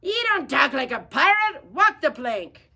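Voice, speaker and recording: A woman voicing a blustery, impatient male captain in a children's storybook, declaiming and shouting in slang. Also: high voice, sing-song, unhurried, creaky, pitched above the performer's own voice, exaggerated voice. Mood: exasperated shouting. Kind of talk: children's storybook read-aloud.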